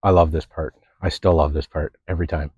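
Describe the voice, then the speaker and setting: A man's voice: a bass voice, steady tone, brisk, darkish tone, breathy edge, no echo, lo-fi sound. A man who keeps animals on his farm, explaining things in a plain, matter-of-fact way outdoors. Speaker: animal keeper and farmer. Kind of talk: casual explanation.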